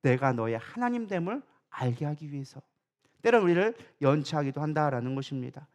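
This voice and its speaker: A man who is a church co-pastor, preaching a sermon in a lively, colloquial way, firing rhetorical questions at the congregation and mixing in humorous asides. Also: on the high side, a little fast. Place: church sanctuary.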